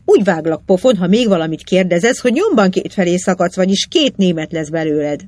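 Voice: medium pitch, animated, close to an everyday voice. A reader doing Bibók, a sly grinning schemer. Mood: boisterous. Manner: wheedling, boastful, grinning talk. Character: sly, jovial male schemer in an old tavern. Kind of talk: audiobook character reading.

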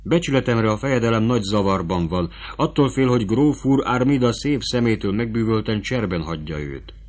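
A fawning, scheming court prosecutor, put on by a male reader, wheedling and eager to strike a bargain. His voice sits fairly low. He pushes his offers with oily insistence. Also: animated, a little mellow.

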